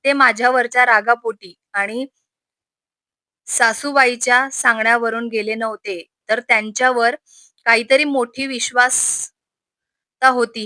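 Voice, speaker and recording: A shy, anxious young wife voiced by a woman reading a story who stammers and hesitates. The voice sits high and bright, with a sharp edge. It is recorded dry and close. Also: no room sound.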